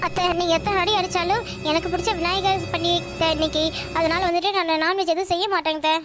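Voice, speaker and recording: Woman doing a cartoon young wife, very high voice, pleading, polite, Tirunelveli Tamil accent. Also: steady tone, quick pace, over music. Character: meek pleading young daughter-in-law Vanaja. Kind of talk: cartoon voice acting.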